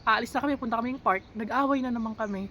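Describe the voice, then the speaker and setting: High-voiced Filipina caregiver telling her story. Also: fairly bright tone, low-quality recording. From Philippines. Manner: halting, emotional storytelling with many pauses. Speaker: live-in caregiver for an elderly woman. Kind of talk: confessional vlog, mixing Tagalog and English.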